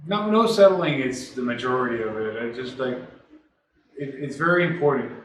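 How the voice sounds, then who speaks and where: A man realtor chatting casually and easygoingly with his wife to the camera, on low-quality sound because the mic died. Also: expressive, moderate pace, slight background noise. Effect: low-quality sound after the mic died. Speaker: realtor, co-host of a couple's channel. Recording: distant, echoey room sound.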